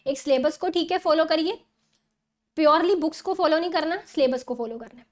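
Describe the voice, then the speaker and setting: High-voiced woman coaching exam students. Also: a little fast. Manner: coaching, repeats "theek hai?" checks. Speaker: exam prep educator. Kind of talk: conversational teaching talk.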